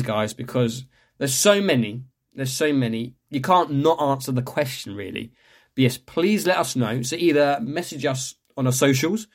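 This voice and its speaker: A young man hosting a podcast, chatting casually and reading local news with lots of fillers and restarts. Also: mid-range voice. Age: young adult. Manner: rambling, chatty, self-correcting with many fillers. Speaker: podcast host.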